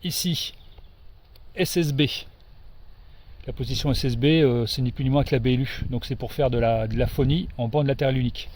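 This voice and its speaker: With a little hiss or hum in the recording, a man with a medium-pitched, darkish voice shows off equipment in an informal, hands-on demo as an amateur radio operator. His explanations are hesitant, broken by pauses while he finds his words.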